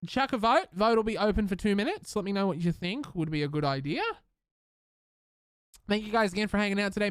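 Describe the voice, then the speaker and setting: Man, game streamer, casual commentary, chatty, animated, dry close sound. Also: high-pitched, clear, resonant tone, no room sound. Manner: chatty, upbeat, talks to chat and game characters. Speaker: streamer playing a life-sim game.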